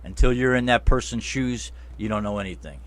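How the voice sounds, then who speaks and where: A man's voice: lowish voice, lively intonation, brisk, fairly bright tone. A man hosting a talk show interview, emphatic and chatty, speaking to his listeners as friends. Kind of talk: casual interview.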